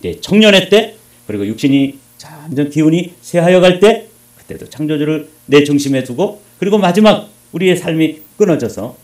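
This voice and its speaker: A man preaching a sermon as a pastor, moving between loud emphasis and hushed asides while asking the congregation questions. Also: fairly high pitch, roomy sound. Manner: addresses congregation with rhetorical questions.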